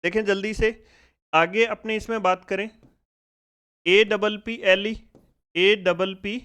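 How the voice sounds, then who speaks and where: In a phonics lesson, a man from India speaks slowly in a high, smooth voice that is bright, steady, and forceful. He puts every question to the class repeatedly and breaks each sound down in careful steps.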